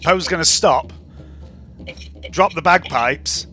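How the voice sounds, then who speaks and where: A man's voice: a little high, takes it slowly, sharp tone, soft background music. A man playing a tabletop game, chatting casually and sweary as he describes what he does. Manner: sweary, describes actions in first person. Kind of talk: casual gaming chat.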